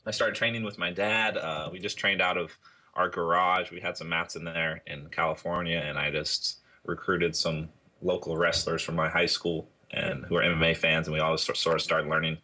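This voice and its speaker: A man in his twenties from Hawaii, answering interview questions in a relaxed, rambling way with many fillers. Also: deep voice, moderate pace. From Hawaii, United States. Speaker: interview guest, athlete. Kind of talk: casual interview.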